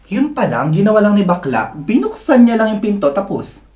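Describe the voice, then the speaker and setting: A man with a Filipino accent, co-hosting a podcast and telling lively stories in casual chat, mixing in English. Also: high voice, normal speed, reverberant. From Philippines. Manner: animated storyteller, mixes Tagalog and English. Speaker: podcast co-host.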